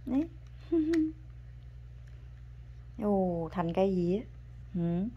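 A woman chatting at home with her toddler as a mother, coaxing and praising in a patient, gentle way. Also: mid-range voice, big pitch swings, extremely slow, dull audio, a little hiss or hum. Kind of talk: casual family chat to a small child. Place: home, indoors.

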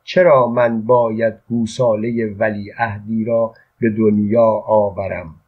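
A man reading the part of an unhappy, defiant young queen in an audiobook, in an earnest, quietly intense way with a husky voice. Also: on the low side, flat delivery, narrow, tinny audio, natural voice. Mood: bitter.

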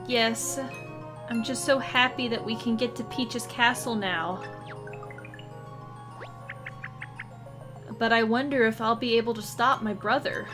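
A woman's voice: a little high, fairly even intonation, normal speed, over music, close to an everyday voice. A woman voicing a sweet, earnest young origami girl in a video game. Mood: tender, unsure.

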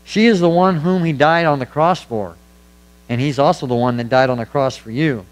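In a church, a pastor delivers a sermon with earnest emphasis, driving his points home by repeating them. His voice is a little high and his pace moderate, captured on a rough recording.

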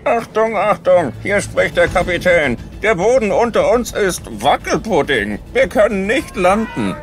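A man's voice: high-pitched, very animated, a little slow, faint music behind, voice pushed up. Man doing a pilot on the cabin intercom. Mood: urgent alarm. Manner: urgent, raised formal announcing. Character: male airline captain making a cabin announcement. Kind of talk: narrated explainer with acted bits.

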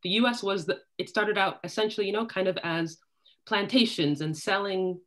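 Woman panelist on a video call, mid-pitched, reflective, academic. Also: moderate pace, a bit bright. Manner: thoughtful, tags points with "right?". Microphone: laptop video call.

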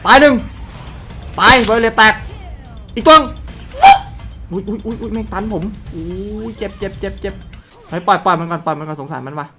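A man calling his own mobile game match, swearing, teasing, and yelling at his teammates. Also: high-pitched, animated, fairly quick, pauses often, soft background music. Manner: loud, crude, joking, shouts at teammates. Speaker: gaming streamer. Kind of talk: excited live game commentary.

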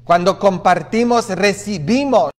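Slow-preaching priest, high voice, churchy echo. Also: male voice. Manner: conversational preaching with frequent "¿ah?" asides and acted quotes. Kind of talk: sermon.

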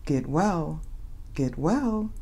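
This woman reads very slowly, her deep voice slightly rough. Hosting a read-aloud for young children, she performs a picture-book story with animation, dramatizing its questions and exclamations.

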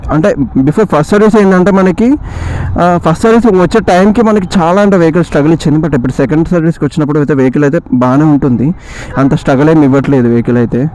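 Vehicle sounds and ambient noise hum faintly under this rough recording of a motovlogger. He speaks with a Telangana Telugu accent, mixing in English as he chats casually, his voice on the high side, darkish in tone and quick.

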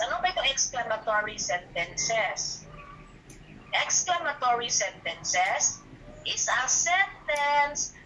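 A woman's voice: high voice, bright, forceful tone, highs cut off. A woman teacher with a Filipino accent leading a grade one online class review, patiently asking children questions and praising their answers. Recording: roomy, distant mic with background noise.

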